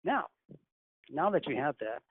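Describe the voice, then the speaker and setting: A man leading a guided breathing meditation as a channeler on a group call, speaking in a measured, commanding, instructive way. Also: fairly high pitch, very animated, husky, no echo. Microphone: conference call phone. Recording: tinny phone line with faint hiss.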